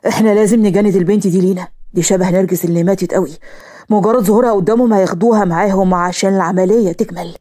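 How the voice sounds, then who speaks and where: A woman with an Egyptian accent voicing cartoon dialogue in a brisk, matter-of-fact way. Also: medium pitch, fairly even intonation, warm tone. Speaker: voice actor.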